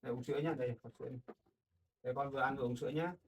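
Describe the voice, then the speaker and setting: A man talking gently and in a fatherly way, coaxing children outdoors by a mountain stream. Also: medium pitch, steady tone, rapid-fire. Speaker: vlogger. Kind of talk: casual vlog talk. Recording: dull lo-fi sound with faint noise.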